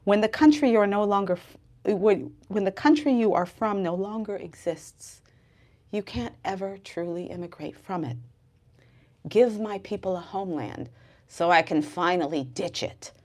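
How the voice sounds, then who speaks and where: This is a US woman author at a live bookstore event, speaking about her novel in an expressive, dramatic, emphatic way as she reads and discusses it. Her mid-range voice carries a darkish tone at a normal speed.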